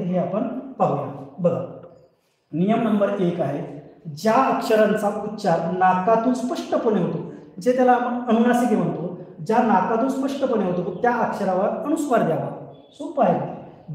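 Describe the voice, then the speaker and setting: High-voiced male teacher in an echoey hall. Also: a little mellow. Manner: explains patiently, asks questions and answers them himself; repeats each rule several times. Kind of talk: online scholarship exam grammar lesson. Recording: very echoey hall, voice far from the mic.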